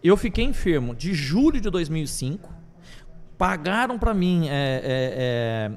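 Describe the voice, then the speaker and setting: A man, a pastor, telling his life testimony in a podcast interview, animated, acting out the voices of others as he talks. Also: on the high side, a little slow. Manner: animated storyteller, quotes God and others in lively bursts.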